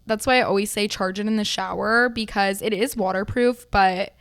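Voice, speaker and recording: Young woman, podcast co-host, casual gushing chat, medium pitch, dry sound. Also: steady tone, normal speed, a bit bright, dry recording. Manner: chatty, gushing, lots of "like".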